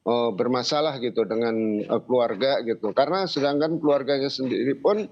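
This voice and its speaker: A man's voice: mid-range voice, a little fast, creaky. Older man, dull lo-fi recording. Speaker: interviewee, grandfather of a missing child. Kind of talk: spoken interview account. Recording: dull lo-fi sound.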